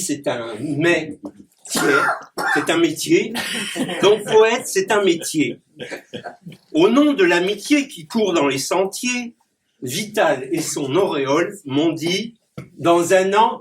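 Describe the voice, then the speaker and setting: A clown and poet with a high voice recites comic rhyming poems to a small gathering, playing with words and chuckling at his own puns. The mic is distant, with noise in the background.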